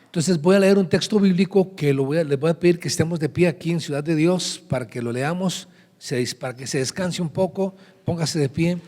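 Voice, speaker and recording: A man with a somewhat high, darkish voice preaches a sermon a little quickly, teaching and reading scripture aloud to his congregation. He is a pastor, recorded live in a large church hall.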